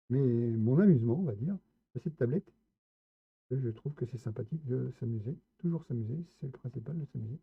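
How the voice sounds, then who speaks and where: Man, gravelly voice, playful gameplay chatter, dry tinny phone-like recording. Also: on the high side, no echo. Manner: chatty, playful, talks straight to viewers. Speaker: streamer. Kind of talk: casual gameplay commentary.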